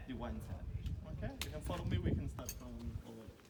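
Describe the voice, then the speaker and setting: Speaking fast with lively intonation and a medium pitch, a young Italian man with an Italian accent gives a chatty winery tour to a group on a stone village street, stacking up "very" for emphasis. Someone in the crowd filmed it on a phone, so he sounds distant amid heavy outdoor noise.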